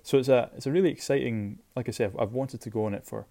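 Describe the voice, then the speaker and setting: A man's voice: medium pitch, quick pace, vocal fry, warm tone. A man from Shetland with a Shetland Scottish accent, hosting a casual solo podcast in an informal, enthusiastic way and often repeating himself. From Shetland, Scotland. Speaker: podcast host.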